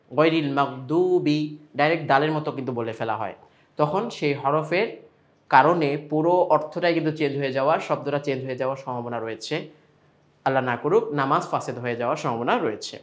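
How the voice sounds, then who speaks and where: A man's voice: on the high side, fast, fairly bright tone. A man with a Bangladeshi Bengali accent teaching Quran pronunciation step by step, stretching out sample sounds between explanations.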